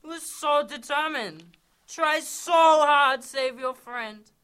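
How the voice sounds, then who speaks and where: Woman doing a teacher guy, slow, bright voice, secretly evil. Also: high-pitched. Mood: menacing. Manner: fussy praise, then cold threats. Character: male schoolteacher, proud then secretly villainous.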